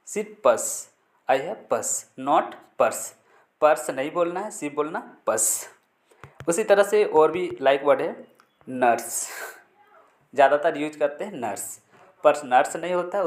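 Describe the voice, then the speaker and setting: Male tutor, fairly high pitch, patient step-by-step drilling in a classroom-style lesson. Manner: repeats words slowly for drill, explains step by step. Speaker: spoken English teacher.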